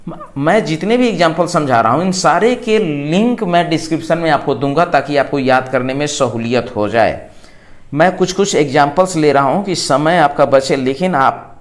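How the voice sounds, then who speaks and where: Slow, deliberate Indian male grammar teacher. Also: fairly high pitch. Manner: slow and deliberate, spelling words out letter by letter. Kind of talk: classroom lesson explaining rules.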